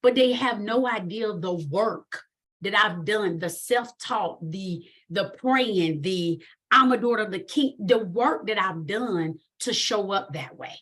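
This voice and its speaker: A woman being coached, talking in a thoughtful, affirming way with soft murmured agreement. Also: mid-range voice, slow, husky. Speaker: coaching client. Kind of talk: coaching session.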